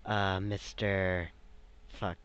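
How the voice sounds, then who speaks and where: A man's voice: sits low, flat delivery, drawn-out words, fairly bright tone, a little hiss or hum. Man, game master, stumbling, swearing, dull lo-fi mic. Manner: stumbling, swearing, laughing at himself. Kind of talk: narrating a tabletop game online. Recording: dull lo-fi voice chat.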